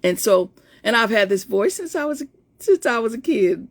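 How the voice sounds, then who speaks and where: Fifty-ish woman coach chatting on a live stream, gravelly in-between voice, lots of restarts. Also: on the high side, sing-song, normal speed. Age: 50s. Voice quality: voice between feminine and masculine. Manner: storytelling, chatty, many restarts. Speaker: life coach. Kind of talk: casual live-stream talk to viewers.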